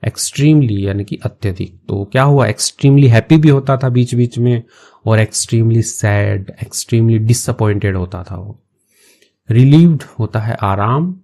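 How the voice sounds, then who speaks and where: Gravelly-voiced man teaching English. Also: mid-range voice, mellow. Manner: slow, patient word-by-word explanations. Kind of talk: explaining an English story in Hindi.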